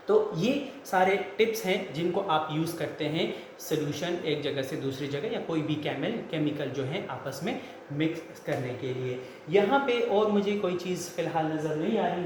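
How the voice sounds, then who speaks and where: Man, fairly high voice, casual lab walkthrough, very echoey room, faint hum. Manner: relaxed, repeats "theek hai na", explains step by step. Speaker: lab tour guide. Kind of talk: casual explanatory lab tour. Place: research lab, indoors.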